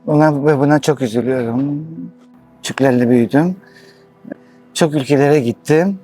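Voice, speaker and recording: A middle-aged man from Istanbul, speaking halting, slightly broken in a casual street interview. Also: medium pitch, warm tone, faint music behind. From Istanbul, Turkey. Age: middle-aged to 60s.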